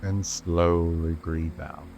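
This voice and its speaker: A man with a low, mellow voice guides a calm grounding exercise. He speaks very slowly and gently, leaving measured pauses between short phrases, as a meditation guide does. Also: gravelly. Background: rainforest sounds with insects, soft music.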